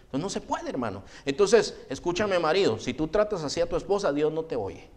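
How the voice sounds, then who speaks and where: A man's voice: on the high side, sing-song, a little fast. A man, a pastor, preaching a sermon in a direct, admonishing way, calling his listeners "brother" again and again. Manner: addresses the congregation as "hermano" over and over.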